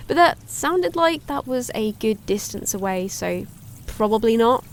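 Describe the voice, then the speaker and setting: An actress playing a cheerful young woman hosting a woodland wildlife livestream, chatty and excitable. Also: fairly high pitch, a little slow. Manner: chatty, excitable, gasps at sightings. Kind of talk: audio drama, chatty live-stream narration.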